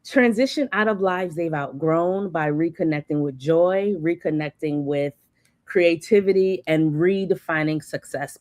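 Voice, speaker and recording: A woman's voice: sits low, darkish tone, no room sound. A woman in her forties, a guest coach and speaker, talking candidly in a conversational interview over a video call. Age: 40s.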